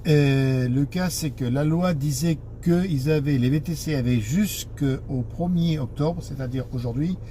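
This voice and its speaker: A taxi association board member and spokesman explains something informally in broken French, searching for words and slipping on grammar. His voice is a little high and dark in tone, at a measured pace with few pauses, and there is slight background noise.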